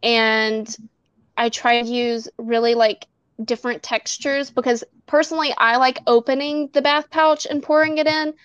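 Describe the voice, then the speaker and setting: A woman with a smooth, resonant voice that sits a little high, chatting casually as an interview guest. She rambles as she explains, leaning on fillers, and sounds close and dry. The recording is dull and lo-fi. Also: fairly even intonation, moderate pace, fairly bright tone, dry recording. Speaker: guest, bath box maker.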